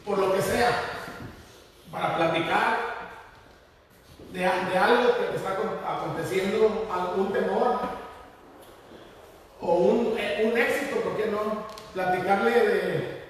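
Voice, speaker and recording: A man's voice: sits high, takes it slowly, long pauses, a little hiss or hum. A man preaching an impassioned sermon, quoting scripture and prayers. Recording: echoey hall, voice from far off, faint ambience.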